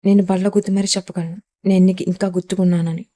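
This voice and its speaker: A woman's voice: fairly low pitch, flat delivery, quick pace, dark tone, lightly acted. A woman voicing a hurt, earnest young man in an audio story, pleading in a wounded tone.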